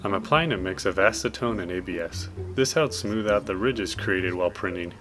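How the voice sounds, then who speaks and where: A man's voice: deep voice, moderate pace, music in the background. A man giving a casual, matter-of-fact voice-over for a how-to video, explaining each step plainly. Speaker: maker narrating a how-to video. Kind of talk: casual scripted tutorial voice-over.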